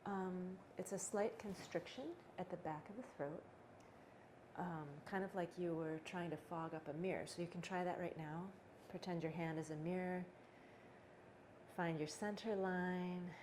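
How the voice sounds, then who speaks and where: A woman teaching a breathing exercise in a gentle, unhurried, conversational way, with pauses. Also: lowish voice, fairly even intonation. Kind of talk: guided breathing instruction, casual and conversational. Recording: clearly noisy background ambience.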